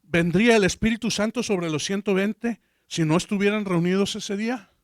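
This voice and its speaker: A man's voice: sits high, no echo, clean studio sound. A male pastor preaching a sermon, who keeps asking the congregation questions and drops English fillers into his talk.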